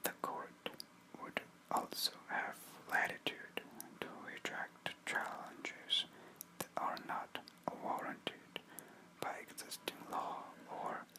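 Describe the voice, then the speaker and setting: A person reading a news article aloud entirely in a breathy, unvoiced whisper, in an ASMR style. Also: low-quality recording. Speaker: reader.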